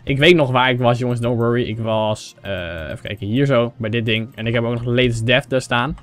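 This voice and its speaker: A young man from the Netherlands with a sore throat, giving excitable casual commentary over a game and talking straight to his viewers. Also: medium pitch, a little fast, faint music behind. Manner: excitable, mixes English phrases, talks to viewers as 'jongens'. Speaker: gaming YouTuber. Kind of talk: casual Let's Play commentary.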